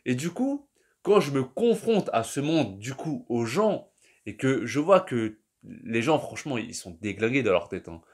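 A man's voice: mid-range voice, big pitch swings, measured pace, darkish tone, slightly rough. A young man, talking casually and at length to his viewers in a loose, slangy monologue that often trails off. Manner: slangy, rambling, addresses the listener as "tu". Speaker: vlogger.

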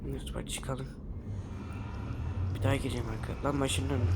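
A man's voice: mid-range voice, level tone, moderate pace. Man, casual game commentary, exasperated outbursts, noise behind voice. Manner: exasperated, swings between grumbling and loud outbursts. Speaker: gameplay streamer.

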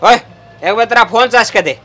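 A man's voice: very high-pitched, normal speed, bright, forceful tone, heavily acted. A young man with a Haryanvi accent playing a brash, sarcastic bus conductor who scolds and mocks in a comedy sketch. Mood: mocking, irritated. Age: young adult. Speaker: comic actor. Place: inside a parked bus.

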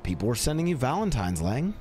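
A man's voice: medium pitch, very animated, a little fast, a little mellow, husky. A man in a game roleplay, playing a self-appointed Cupid who teases and coaxes in a playful salesman patter.

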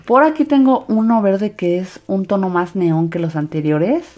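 Sing-song woman, soft mellow tone, music behind. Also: medium pitch, moderate pace. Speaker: host of a slime craft channel. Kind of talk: hands-on craft narration for children. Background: background music.

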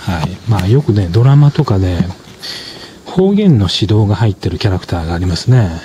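A man giving casual explanatory commentary as a drama reviewer, talking in a measured way with lots of fillers and soft tag particles. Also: on the low side, sing-song, slight background noise.

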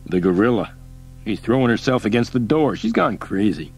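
A man's voice: lowish voice, normal speed, breathy edge. A man voicing a frightened middle-aged male animal keeper who talks in a nervous, defensive way. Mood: worried.

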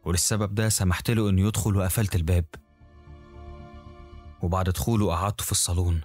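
A man with an Egyptian Arabic accent narrating a first-person horror story in a brisk, conversational way. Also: low voice, steady tone, a little mellow. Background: faint music.

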